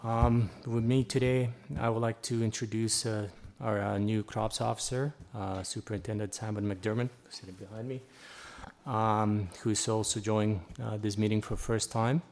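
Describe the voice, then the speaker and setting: Man, police sergeant, low flat voice, hesitant, formal meeting report. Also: gravelly. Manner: halting, hesitant delivery. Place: council meeting room.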